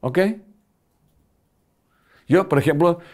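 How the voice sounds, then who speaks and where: A man's voice: on the high side, takes it slowly. An older man with a Spanish accent giving a live lecture, often checking that the audience follows him. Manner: animated, asks the audience often if they follow.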